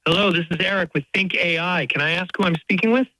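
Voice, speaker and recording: Bright, quick AI man's voice on speakerphone. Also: high voice, steady tone, no echo, low-quality recording. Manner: scripted, polite customer-service phrasing. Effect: played over a phone on speakerphone. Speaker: AI sales agent voice.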